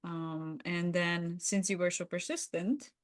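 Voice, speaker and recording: This co-host's fairly low voice stays steady and moves a little slowly. She cheers on and validates the other speaker during a podcast roleplay and its conversational wrap-up.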